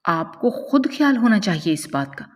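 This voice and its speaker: A woman reading the lines of a calm male doctor who gives firm advice in a spoken story. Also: medium pitch, in a large hall. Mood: admonishing.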